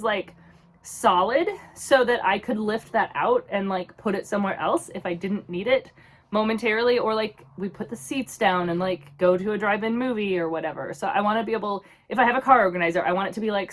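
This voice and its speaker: A woman in her thirties from New York, chatting casually about her picks with a nasal, stuffy voice from a head cold. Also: medium pitch. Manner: chatty, rambling with many likes. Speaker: YouTube vlogger. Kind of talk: casual chat.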